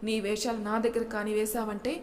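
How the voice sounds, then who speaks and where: A woman's voice: mid-range voice, flat delivery, brisk, darkish tone, close to an everyday voice. A woman voicing a fiery young wife. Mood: angry. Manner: scolding, defiant. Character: young wife, fiery and hurt, sharp-tongued. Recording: long hall reverb.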